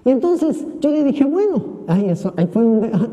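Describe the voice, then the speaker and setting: A priest giving a homily during Mass, telling a humorous personal story and acting out the voices of the people in it. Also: male voice, extremely high pitch, big pitch swings, normal speed, warm tone, big-room sound.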